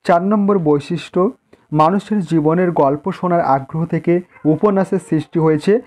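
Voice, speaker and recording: A man's voice: a little high, a little fast, a little mellow. A man with a Bengali accent teaching an exam-prep lesson, reading out answers point by point and repeating key phrases for students. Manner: dictating, repeats phrases, stresses key terms.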